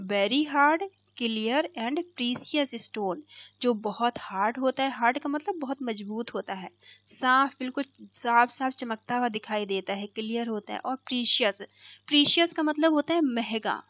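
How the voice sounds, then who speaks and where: A woman teacher explaining an English poem line by line in Hindi, checking each point with "theek hai" and reading the English lines slowly. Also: high-pitched, fairly bright tone, no room sound. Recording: dull, dry lo-fi recording.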